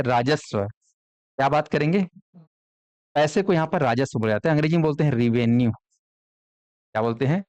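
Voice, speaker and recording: With a slightly high, darkish, clear and resonant voice, a man teaches an exam coaching class by quizzing his students and answering his own questions in call-and-response style. The lecture audio is lo-fi, with no echo.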